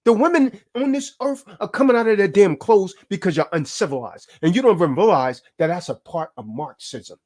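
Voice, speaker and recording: A man's voice: high-pitched, expressive, brisk, hardly any pauses, a little mellow. A man giving a fiery, preachy lecture, full of emphatic rhetorical questions. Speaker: speaker teaching about contracts.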